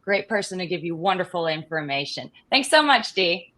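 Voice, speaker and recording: A woman's voice: on the low side, very animated, normal speed, a bit bright. A woman hosting a live stream, upbeat and welcoming as she greets viewers and guests. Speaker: host.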